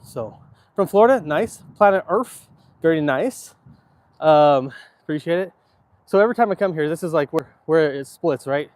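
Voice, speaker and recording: A man's voice: a little high, lively intonation, moderate pace, a little mellow, no room sound. A middle-aged American man chatting casually and easygoing on a live stream while walking, answering viewer comments. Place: outdoors on city streets, walking. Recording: outdoor background noise while walking. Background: outdoor ambient noise.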